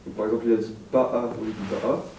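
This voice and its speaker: Man, student, hesitant question, dark low-key voice. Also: steady tone, quick pace, far from the mic, a little hiss or hum, rough recording. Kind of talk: question in class.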